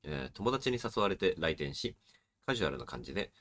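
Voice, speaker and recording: A man co-hosting a casual podcast, reading listener letters aloud with quick, expressive delivery and frequent laughter. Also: extremely low pitch, a little hiss or hum. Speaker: podcast co-host.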